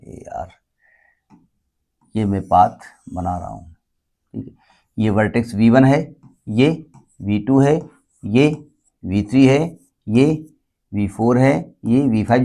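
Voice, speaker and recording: A man's voice: medium pitch, slow, long pauses, warm tone. A man teaching a maths class in a chatty way, repeating key points, mixing English terms into his explanations and checking that students follow. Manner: stops often to check that students understand. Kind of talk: classroom lecture.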